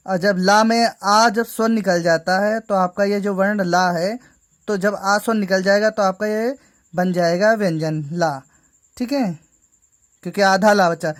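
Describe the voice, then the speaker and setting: A woman teaching a grammar lesson to school students, patiently going through each step and repeating "ठीक है". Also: medium pitch.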